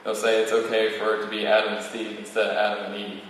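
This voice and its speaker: Young male student, low even voice, formal graduation podium speech, recorded from afar in a reverberant hall. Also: fast talker. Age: young adult, about eighteen. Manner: reading a prepared text, with occasional stumbles. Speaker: valedictorian student speaker. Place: large reverberant room, speaking to an audience. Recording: very echoey hall, distant mic, faint noise.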